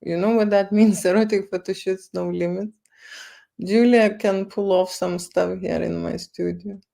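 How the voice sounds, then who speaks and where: A woman with a Lithuanian accent runs a photo studio and chats casually to viewers on her livestream. Her mid-range voice is gravelly and mellow, with fairly even intonation and a measured pace. She repeats words and tags her lines with "okay" and "right."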